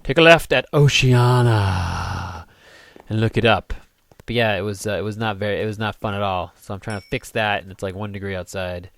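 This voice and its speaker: A man's voice: on the low side, flat delivery, quick pace, fairly bright tone, clean tone, no echo. A young man hosting a casual gameplay video, rambling and joking as he builds. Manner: jokey, rambling, sings goofy snippets. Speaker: gaming let's play host.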